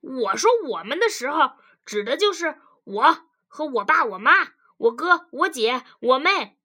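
A woman's voice: high-pitched, sing-song, measured pace, exaggerated voice. A woman doing a blustering stubborn husband. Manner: loud, blustering, folksy. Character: stubborn blunt working-class husband, defensive.

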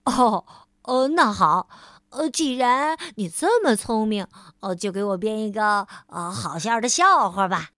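A woman's voice: mid-range voice, lively intonation, measured pace, fairly bright tone, dry recording, clean studio sound. A woman voicing a cheerful little man in a storybook, speaking hesitantly with many fillers. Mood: amused.

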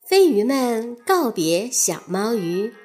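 A woman reading a children's story aloud in a slow, expressive storybook cadence. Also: on the high side, slightly rough, faint music behind.

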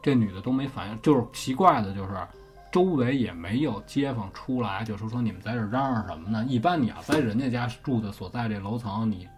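A man's voice: on the low side, expressive, brisk, a little mellow. Host, male, Beijing accent, casual ghost-story telling, profane and chatty, faint music bed. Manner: chatty, swears casually, keeps checking with listener.

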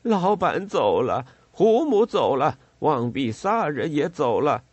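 A man reading an audiobook voices a hoarse, cringing river guide who sobs, stammers and begs for a drink. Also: mid-range voice, very animated, unhurried, no echo, dull audio. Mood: sobbing. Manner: sobbing, pleading and stammering.

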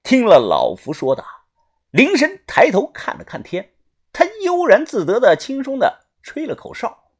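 Husky, very animated audiobook narrator. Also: mid-range voice. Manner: dramatic, with drawn-out particles. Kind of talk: audiobook storytelling.

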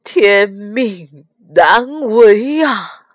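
Stern, heavy father in a storybook, slow and raised; a woman reads him. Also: mid-range voice, animated, dry recording, clean studio sound. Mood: grim. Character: stern anguished father, a commander.

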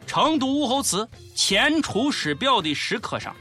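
A man's voice: very high-pitched, sing-song, unhurried, bright, forceful tone, faint music behind. A man with a Shaanxi accent hosting a comedy show, delivering scripted commentary in an exaggerated, sarcastic way.

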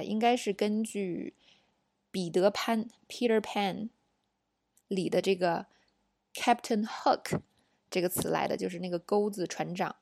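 A woman teaching English pronunciation in an audio lesson, explaining slowly and saying each example word several times. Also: mid-range voice, vocal fry, a little mellow, no room sound.

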